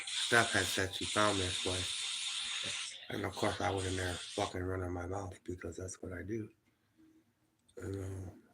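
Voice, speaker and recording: A man's voice: lowish voice, very noisy. A man chatting casually and bluntly on a livestream, swearing and joking as he hosts. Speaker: paranormal livestream host. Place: living room.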